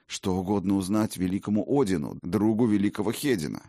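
A man voicing a portly, fawning male innkeeper who talks in a hurried, effusive way. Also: low-pitched, lively intonation, dark tone, no room sound, studio quality.

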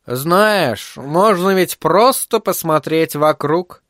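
A man's voice: fairly high pitch, lively intonation, a bit bright, no echo, studio quality, voice pushed up. A man voicing a thoughtful, guarded adult woman journalist in an audiobook. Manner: measured, thoughtful.

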